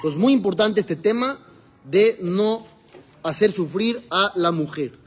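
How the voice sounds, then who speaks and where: A man's voice: sits high, animated, slow. A man, a rabbi teaching a religious class, asking his students questions and explaining the Hebrew texts he quotes. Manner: asks the class questions and answers them himself. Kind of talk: religious lesson to a live group.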